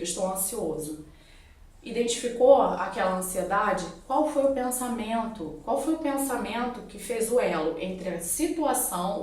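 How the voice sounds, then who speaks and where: Brazilian woman teaching in an echoey room. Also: mid-range voice. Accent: Brazilian Portuguese. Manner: patient, explains step by step with examples. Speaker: psychologist. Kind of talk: explanatory online video lesson. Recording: very echoey room, voice far from mic.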